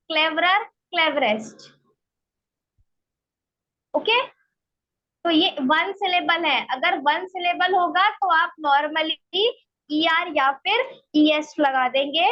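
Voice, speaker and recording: A woman teaching an online English grammar class, explaining slowly and step by step and often checking that students follow. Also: sits high. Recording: dull lo-fi online class audio.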